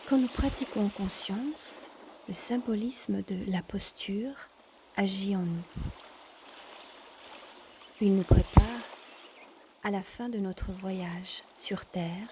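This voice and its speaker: With a mid-range voice, a woman leads yoga instruction calmly and at a measured pace, leaving pauses between brief phrases. The background is noisy.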